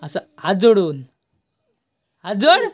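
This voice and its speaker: A man's voice: sits high, wildly swooping pitch, slow. A man hosting a casual village vlog, chatty and coaxing as he shows around his home courtyard. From Konkan, India. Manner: chatty, coaxing and teasing the kids. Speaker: village vlogger host. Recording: outdoor courtyard with family chatter behind.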